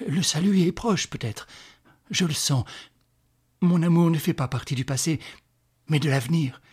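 A man reading aloud, voicing a devoted young man in love who speaks with earnest urgency, in a husky voice. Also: on the high side, moderate pace, darkish tone.

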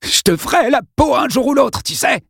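A man voicing a brutal teenage thug who snarls, spits and yells obscenities in a strained, very high voice. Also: animated, moderate pace, creaky, slightly rough, no room sound, clean studio sound, heavily acted. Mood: threatening. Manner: snarling, spitting, yelling obscenities.

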